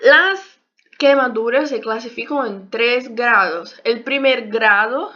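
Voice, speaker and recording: Speaking slowly in a fairly high, bright voice with a forceful edge, this young woman has a Brazilian Portuguese accent. She's a health sciences YouTuber and native Portuguese speaker giving a casual video lesson in a second language, hesitant as she hunts for words. The sound is dull and lo-fi.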